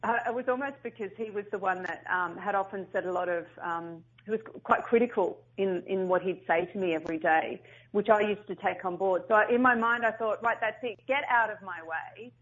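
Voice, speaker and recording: A middle-aged woman tells her story in a casual interview, animated and full of restarts. Her voice sits around a middling pitch, and the recording sounds slightly dull and lo-fi. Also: fairly quick. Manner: animated, restarts and repeats, acts out quotes. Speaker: guest, business founder.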